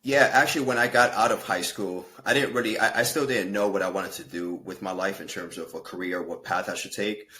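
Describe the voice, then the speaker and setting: His voice is low-pitched, pushed and bright, and he talks a little fast with few pauses, though the recording quality is low. He is a man in his thirties, a fitness and life coach born in Peru and raised in the States. As a guest on a casual podcast, he shares his story earnestly, full of fillers and self-corrections.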